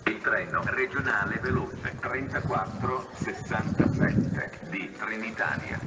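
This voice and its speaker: A man's voice: on the low side, lo-fi sound. Guy doing train station announcement, formal automated phrasing, echoey platform speaker w noise behind. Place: outdoor railway platform, heard over loudspeakers. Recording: echoey station loudspeaker from far off, noisy. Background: clear station ambient noise.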